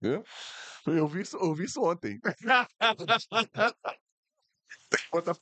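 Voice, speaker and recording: Lively man hosting a casual chat. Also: high-pitched, very slow, dry recording. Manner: lively, slangy, teasing. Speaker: podcast host.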